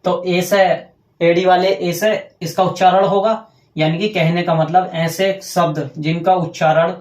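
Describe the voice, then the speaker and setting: A man teaching a grammar lesson, explaining step by step and dictating slowly while he writes on a board, often asking questions and answering them himself. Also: high voice, darkish tone, echoey room. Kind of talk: classroom grammar lecture.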